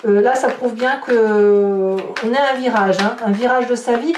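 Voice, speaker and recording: A somewhat high, slightly mellow woman's voice at a moderate pace belongs to a channel host doing an informal tarot reading. She talks to viewers and thinks aloud hesitantly, recorded on a distant mic with roomy echo and noticeable hiss.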